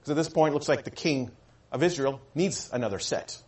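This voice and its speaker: A man preaching a sermon, telling a story with animated delivery and acting out the voices of the people in it. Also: medium pitch, brisk. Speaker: pastor.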